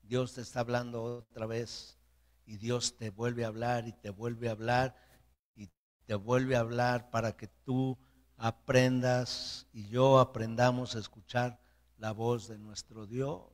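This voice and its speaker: A man's voice: mid-range voice, flat delivery, unhurried. A man preaching a sermon as pastor, acting out biblical voices and speaking straight to his congregation.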